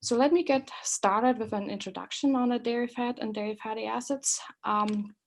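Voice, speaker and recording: A woman's voice: fairly high pitch, fairly even intonation, moderate pace, a little hiss or hum. A woman in her forties from East Germany with a German accent, an associate professor presenting a webinar, earnest and full of ums and uhs. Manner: many um and uh fillers, friendly and earnest.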